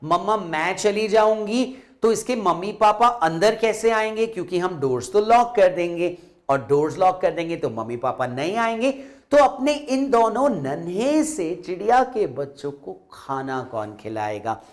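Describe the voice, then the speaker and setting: A man's voice: sits high, lively intonation, normal speed. A man voicing a tender-hearted little girl who sadly pleads in a storybook reading. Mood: pleading. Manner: sorrowful, pleading.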